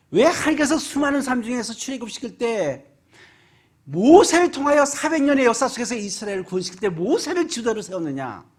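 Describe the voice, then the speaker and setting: Husky, animated preacher. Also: mid-range voice. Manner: animated preaching with rhetorical questions, swinging between loud and hushed. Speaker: pastor. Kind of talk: sermon. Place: church sanctuary.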